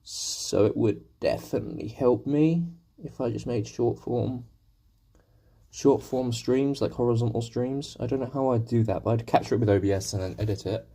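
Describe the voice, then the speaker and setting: At normal speed and medium pitch, a young man with a sore throat talks casually to viewers during a painting stream. His voice is mellow, gravelly and husky, and he rambles while poking fun at himself.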